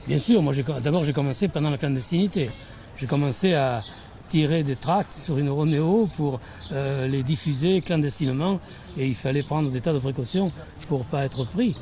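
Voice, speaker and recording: An older man, a mayor, answering interview questions outdoors, halting with many restarts. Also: a little high, mellow, slight background noise. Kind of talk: documentary interview while canvassing. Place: outdoors in a housing estate.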